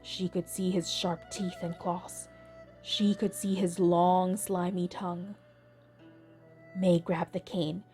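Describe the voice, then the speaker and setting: A woman reading a children's picture book aloud in a gentle, deliberate way. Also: fairly low pitch, little pitch movement. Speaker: storybook reader. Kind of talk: children's read-aloud narration. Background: soft instrumental music.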